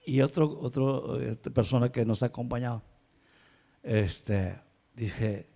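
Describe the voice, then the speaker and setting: A male pastor preaching a sermon in a lively way, moving between soft asides and loud emphatic passages and often checking in with the congregation. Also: mid-range voice, takes it slowly, creaky. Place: church sanctuary. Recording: long reverb of a church hall.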